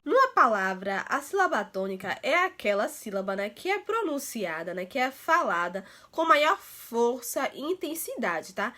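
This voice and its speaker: A woman with a Brazilian Portuguese accent teaching a grammar lesson to children, affectionate and tagging nearly every phrase with little check-ins, stretching words out slowly to show their syllables. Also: on the high side, very animated, over music. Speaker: primary school teacher.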